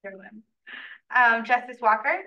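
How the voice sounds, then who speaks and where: A young woman leading a student meeting, briskly reading out names one after another for roll call. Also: a little high, pushed and bright. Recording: distant, dull room mic.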